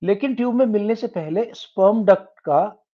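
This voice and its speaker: A man's voice: sits high, normal speed. Indian man tutoring, dull lo-fi sound. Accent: Indian English. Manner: explains step by step, mixing Hindi and English, with many restarts. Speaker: science tutor. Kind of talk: classroom lecture.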